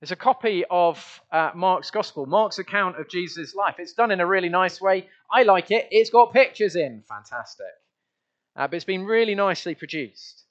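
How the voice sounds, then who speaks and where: A man's voice: high-pitched, expressive, moderate pace, muffled recording. A man preaching a conversational, earnest sermon to his church. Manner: earnest, conversational, with many restarts. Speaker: pastor.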